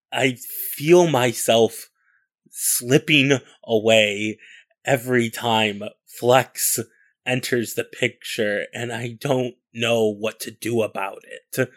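A man's voice: mid-range voice, fairly bright tone. A man playing a bitter, wounded man consumed by his wish for revenge. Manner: resentful, intense.

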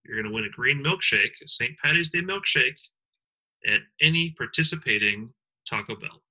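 A man's voice: medium pitch, animated, moderate pace, sharp tone, low-quality recording. A man co-hosting a comedy podcast, rambling with lots of fillers and ironic asides. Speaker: podcast co-host.

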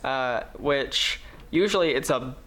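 A woman's voice: a bass voice, animated, slow, fairly bright tone. A woman co-hosting a podcast in casual chat, laid-back, swearing casually and laughing, recorded in a small apartment. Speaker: podcast co-host.

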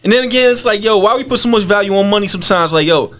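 High-voiced man in slangy chat. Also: fairly bright tone. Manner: slangy, drawn-out, laughs often. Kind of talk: casual chat.

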